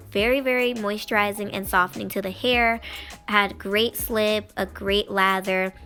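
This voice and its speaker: Female beauty vlogger, casual and chatty, mid-pitched, slightly hoarse with a cold, light music bed behind. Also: a bit bright. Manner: chatty, informal. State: recovering from a cold. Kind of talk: casual product review voice-over. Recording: faint music under voice. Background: faint music.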